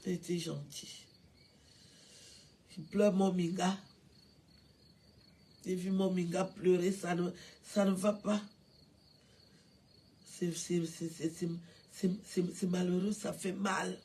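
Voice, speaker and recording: An older woman, tearful and halting, repeating herself as she pays tribute on a phone live stream. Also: lowish voice, little pitch movement, mellow. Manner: halting, repetitive, stammering. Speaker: livestreamer paying tribute.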